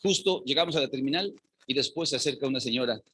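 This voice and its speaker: A man's voice: medium pitch, fast talker, pushed and bright, slight background noise. A man with a Mexican accent preaching a sermon as pastor, fervent and often asking the congregation rhetorical questions.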